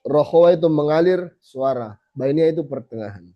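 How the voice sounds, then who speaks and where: A man teaching a small group how to recite, saying letter sounds slowly again and again and then correcting them. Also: a little high, lively intonation. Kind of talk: tajweed lesson to a small group. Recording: slightly dull lo-fi recording.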